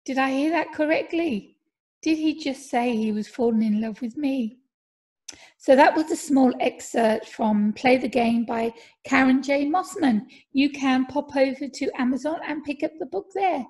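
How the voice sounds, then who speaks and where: A woman narrating a first-person audiobook in a measured, steady reading voice. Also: sits high, breathy edge. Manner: measured, steady reading with soft dips in level.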